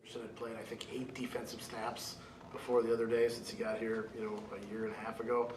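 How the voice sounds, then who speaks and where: A man, a reporter, asking a coach a question at a press conference in a quick, flat delivery. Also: lowish voice. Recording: distant mic in a roomy press room with chatter.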